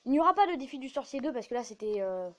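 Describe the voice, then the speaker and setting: A woman's voice: sits high, big pitch swings, very fast. Chatty French-speaking woman gamer. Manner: chatty, rambling, self-mocking. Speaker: gaming YouTuber. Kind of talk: casual gameplay commentary.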